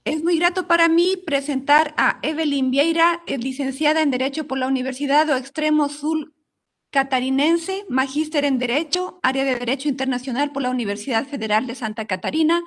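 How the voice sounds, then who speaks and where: A woman with a notably high voice moderates an academic session. She reads a prepared introduction aloud in a formal manner. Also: moderate pace. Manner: formal, reading biographies aloud.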